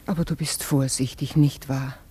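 A woman playing a fretful, breathy mother. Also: extremely low pitch, fairly even intonation, moderate pace, dark tone, full character voice. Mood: worried. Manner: fretful, pleading. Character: worried mother seeing off her son. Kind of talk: radio play acting.

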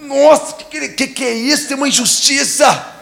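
A man's voice: very high-pitched, lively intonation, fairly quick, vocal fry, a bit bright, in a large hall, voice pushed up, full character voice. A man voicing a grown neighbor, outraged that his tree fell, firing off indignant questions. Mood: anguished.

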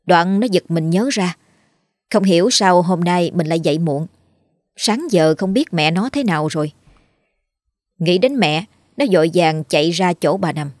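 A woman narrating a ghost story in a steady, dramatic storytelling voice. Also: on the low side, no echo, studio quality.

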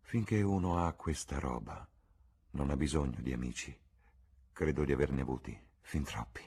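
A man reading the lines of a weary young drug addict who speaks absently and flatly, in an audiobook. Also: very deep voice, moderate pace, breathy edge, exaggerated voice. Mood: listless. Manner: absent, flat and detached.

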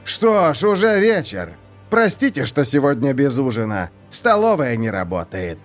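A man's voice: medium pitch, sing-song, normal speed, faint music behind, close to an everyday voice. A man voicing a scheming, mocking male prison warden who gloats in a theatrical, mock-polite way. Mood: gloating.

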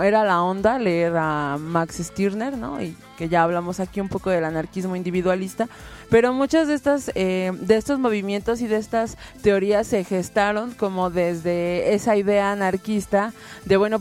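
Female radio host, middle pitch, rambling explainer with fillers. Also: darkish tone. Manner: explains at length with many fillers. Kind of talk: poetry reading and radio chat.

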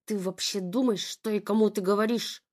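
A woman voicing an angry, domineering middle-aged father who shouts with contempt. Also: medium pitch, fairly even intonation, moderate pace, close to an everyday voice. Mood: furious.

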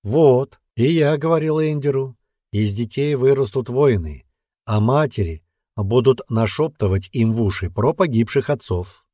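A man voicing a stern old great-grandfather who keeps the clan's secrets, speaking slowly and weightily. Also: mid-range voice, animated, warm tone, dry recording, clean studio sound, pitched above the performer's own voice. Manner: slow, weighty, bloodthirsty approval.

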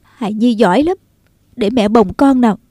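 A woman voicing a proud, cunning young mother in a storybook reading, speaking in a soft, measured way. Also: on the high side, no echo, studio quality, close to an everyday voice. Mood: tender. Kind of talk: audiobook character voice.

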